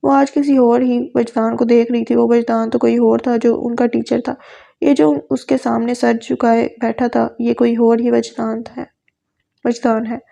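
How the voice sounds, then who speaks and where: Woman narrator, audio novel, flat steady reading, gravelly, dark tone. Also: on the high side.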